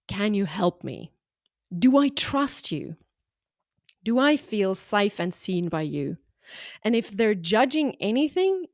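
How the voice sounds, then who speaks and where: On her motivational solo podcast, a middle-aged business coach from South Africa speaks to business owners in short, punchy phrases, frank yet encouraging. Her accent mixes South African and Australian, and her mid-range voice is captured dry in clean studio sound.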